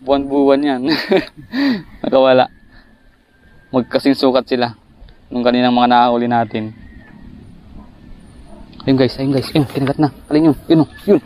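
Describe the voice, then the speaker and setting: A man vlogging while fishing outdoors, chatting to viewers and breaking into excited bursts at each bite. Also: mid-range voice, normal speed, long pauses. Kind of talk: casual fishing vlog narration. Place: outdoors by the water, rural.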